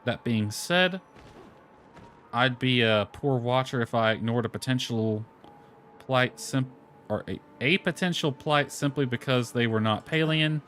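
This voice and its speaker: Commenting casually on a game he's playing, this man speaks at a measured pace in a mid-range, fairly bright voice. He reads the in-game dialogue aloud and adds offhand remarks. Lo-fi background music runs underneath.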